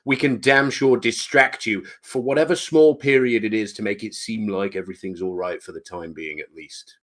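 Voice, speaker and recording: A man's voice: lowish voice, moderate pace, fairly bright tone. A man co-hosting a livestream podcast, chatting in a jokey, theatrical way. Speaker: podcast co-host. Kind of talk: casual livestream chat.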